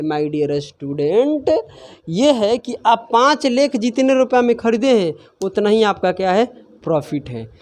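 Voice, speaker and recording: A man teaching a maths class, who keeps asking his students questions and answers them himself. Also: high voice. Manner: scolds students for laughing.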